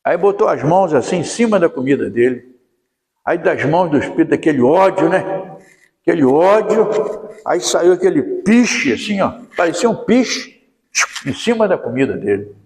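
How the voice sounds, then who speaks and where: A man's voice: a little high, very animated, normal speed, a little mellow. A man with a Brazilian accent giving a folksy storytelling lecture at a spiritist center, full of tag questions. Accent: Brazilian Portuguese. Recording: echoey hall with long reverb.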